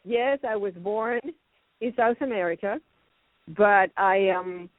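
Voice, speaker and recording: Speaking slowly in a medium-pitched voice, a middle-aged woman who grew up in Venezuela and Canada rambles and laughs a lot while chatting as a guest actress in a casual interview. There's no room sound, and the audio has the tinny quality of a phone line.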